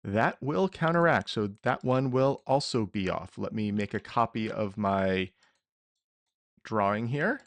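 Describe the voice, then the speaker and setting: A man's voice: lowish voice, lively intonation, no room sound. Guy gm calling rules in a dry dead room, careful, fixes himself midway. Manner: deliberate rulings, self-correcting. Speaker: game master. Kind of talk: running a tabletop game.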